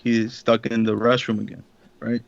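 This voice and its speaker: A man's voice: lowish voice, little pitch movement, moderate pace, creaky, a little hiss or hum. Give me a young man co-host telling a crude story in slang, recorded on muffled lo-fi audio. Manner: slangy, swears a lot, acts out quotes. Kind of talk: casual profane storytelling.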